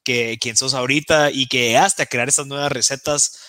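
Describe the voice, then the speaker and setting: A man's voice: medium pitch, steady tone, normal speed, sharp tone, dry recording, studio quality. A man hosting a podcast, talking in a loose, rambling way with fillers. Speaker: podcast host.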